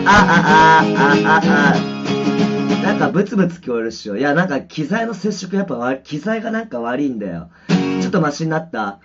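A man livestreaming from home, rambling casually with many fillers while checking his mic and guitar sound. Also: fairly high pitch. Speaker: musician livestreaming. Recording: dull lo-fi stream audio with distortion.

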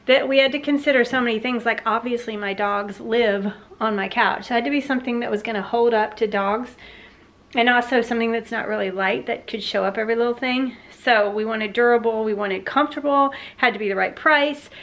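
A woman's voice: a little high, fairly quick, fairly bright tone. A woman in her forties with a Southern American accent, chatting casually and rambling through a home vlog, filmed at arm's length in her living room. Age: 40s. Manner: chatty, rambling with many fillers and restarts. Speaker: home vlogger. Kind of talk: casual chat. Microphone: handheld camera at arm's length.

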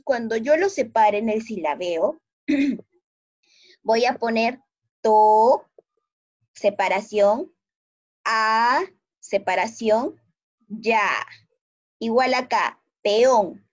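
A woman's voice: on the high side, darkish tone. A woman teacher with a Peruvian Spanish accent explaining a grammar lesson patiently to primary pupils, checking often that they understand. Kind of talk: online class explanation. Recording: dull lo-fi sound.

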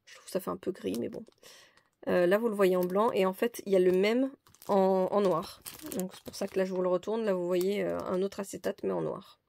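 Gravelly-voiced chatty woman. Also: medium pitch, steady tone, fairly quick, darkish tone. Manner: hesitant, many fillers, chatty. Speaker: crafting haul vlogger. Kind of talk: casual show-and-tell haul.

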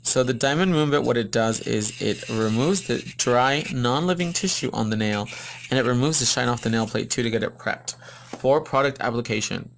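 This is a man demonstrating nail work live, talking viewers through each step in an upbeat, chatty way. His voice has a gravelly, fried edge, sitting at an ordinary middle pitch. A faint hiss runs under it. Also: moderate pace. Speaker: nail technician hosting a live tutorial. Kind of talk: live-stream demonstration, mixing English and Spanish.

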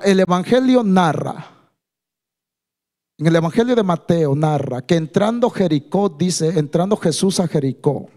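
A man preaching a sermon as pastor. He builds to loud, fervent climaxes and keeps calling the listeners brother. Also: fairly high pitch.

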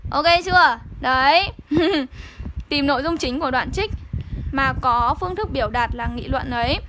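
A woman's voice: high voice, sharp tone, slight background noise. A young woman with a Northern Vietnamese accent teaching an online exam-review lesson, coaxing and keeping on checking in with her students. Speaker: literature teacher.

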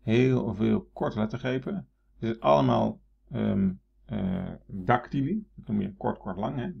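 A man's voice: lowish voice, unhurried, creaky, breathy edge, lo-fi sound. A man teaching Latin, thinking aloud with many fillers and restarts and reading verse aloud in a raised voice. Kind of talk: explaining a Latin text.

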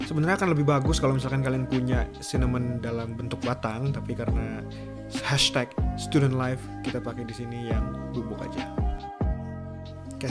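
A young man in his twenties giving a casual, chatty cooking tutorial in a home kitchen, filmed by a camera at a distance. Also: mid-range voice. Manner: relaxed, chatty, drawn-out words. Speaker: cooking vlogger. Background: loud music.

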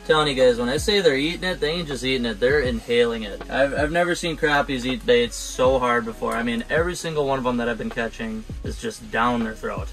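A young man giving casual play-by-play while ice fishing, often murmuring quietly as he reels fish in, recorded inside an ice fishing shelter by a wide camera. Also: brisk, hardly any pauses, soft background music, poor audio. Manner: laid-back, often murmured low while reeling in fish. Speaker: fishing vlogger.

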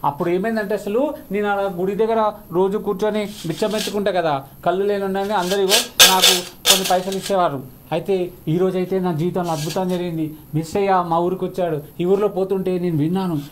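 A man playing a joyful healed blind beggar, rapid and excited. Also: sits high, heavy background noise, close to an everyday voice. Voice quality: excited, repetitive, pleading cries. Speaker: skit actor. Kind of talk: children's Bible skit acting.

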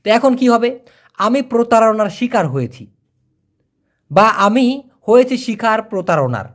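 A Malay teacher gives a video lesson. The teacher says foreign phrases very slowly, repeats them, and keeps coaxing viewers with please and brother. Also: mid-range voice, lively intonation.

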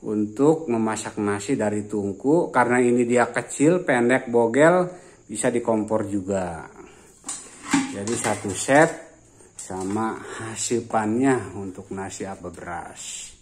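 A man's voice: on the low side, unhurried. A man from Banten, presenting prize items in a casual, itemizing walkthrough. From Banten, Indonesia. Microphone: handheld phone behind camera. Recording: noisy phone recording with room ambience.

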